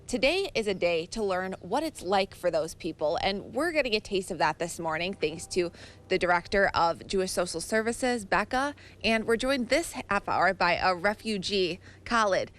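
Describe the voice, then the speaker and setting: A woman's voice: medium pitch, lively intonation, moderate pace, a bit bright. A woman reporting live in the field, introducing guests and asking polite, guiding questions.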